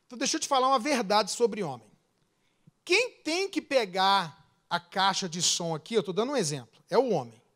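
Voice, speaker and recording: Here a man with a high voice and a Brazilian accent is delivering a sermon as a pastor. He's animated, rising in volume before falling into fast little asides.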